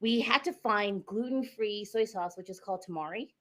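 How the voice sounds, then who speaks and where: In a casual interview chat, a middle-aged American woman talks as a podcast guest at a moderate pace in a mid-range voice, explaining things step by step with occasional fillers.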